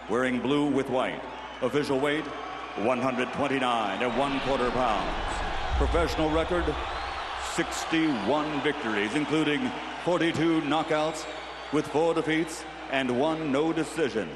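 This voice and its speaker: A man announcing a boxing match as a grand, theatrical showman, in lucha libre announcer style, booming and stretching out names. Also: a crowd in the background. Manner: booming showman delivery with long drawn-out shouted names. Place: large indoor sports arena. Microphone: ring announcer's microphone over arena speakers. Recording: echoing arena PA with loud noise.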